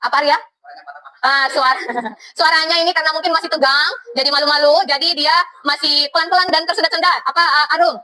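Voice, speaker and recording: A woman's voice: high-pitched, steady tone, quick pace, pushed and bright, low-quality recording. A woman with an Indonesian accent teaching a class in a classroom, encouraging students and mixing English phrases into her speech. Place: school classroom.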